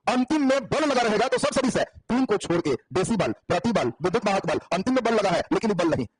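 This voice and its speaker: A man's voice: high-pitched, expressive, brisk, husky, no room sound, faint music behind, poor audio. A man teaching a physics class on a handheld mic, drilling students with repeated questions. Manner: quizzing, drilling students by repetition. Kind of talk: classroom lecture.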